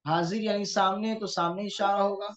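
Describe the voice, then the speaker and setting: A man's voice: high-pitched, fairly even intonation, moderate pace. A man teaching an online grammar lesson, explaining patiently and often checking in with his students, over a computer mic on a video call. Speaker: Quranic Arabic teacher. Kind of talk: online class lecture. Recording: dull lo-fi online class audio.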